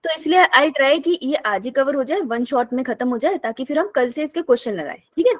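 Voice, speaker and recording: A woman's voice: high voice, animated, fairly quick, a bit bright, no echo. A young woman teaching a live online biology class in a casual, chatty way, telling stories and often laughing.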